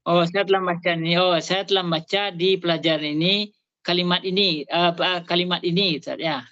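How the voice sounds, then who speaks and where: A woman student reading and translating a text aloud on an online call, slow and halting, with many fillers and self-corrections. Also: lowish voice, fairly even intonation, fairly bright tone, muffled recording. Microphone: online video call.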